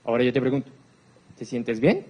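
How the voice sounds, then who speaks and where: A man's voice: mid-range voice, lively intonation, brisk, warm tone. Man quizzing a live audience. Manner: engaging, quizzes the audience with questions. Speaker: speaker on accessibility for deaf people. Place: university lecture hall.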